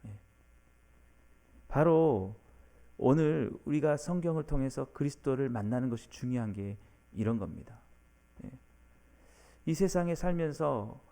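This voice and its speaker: Male pastor, early-morning sermon, warm dark tone, earnest and dynamic, swings from loud to low. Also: expressive, moderate pace, vocal fry, pauses often. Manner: earnest preaching, voices imagined inner questions of the listeners.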